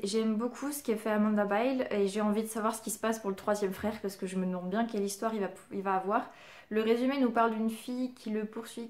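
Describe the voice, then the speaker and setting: A woman's voice: mid-range voice, darkish tone. A woman casually chatting through a book haul, enthusiastic and full of hesitations and little fillers. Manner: enthusiastic, giggly. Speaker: book vlogger.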